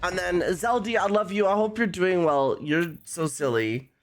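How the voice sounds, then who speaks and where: A woman's voice: lowish voice, normal speed. A woman streaming a video game, chatting playfully with her viewers and making goofy sound effects at a desk microphone.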